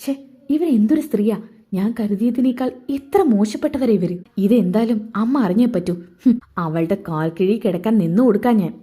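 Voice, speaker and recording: A woman's voice: medium pitch, normal speed, mellow, husky, lightly acted. A woman voicing a young man who is bitter and insistent with his mother. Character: young man, angry, protective son.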